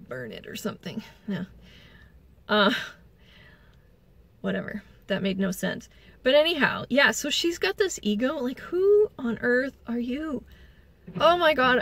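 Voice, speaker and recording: A woman recapping a reality show in a casual, blunt, catty rant, full of filler words. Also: mid-range voice. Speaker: TV recap vlogger.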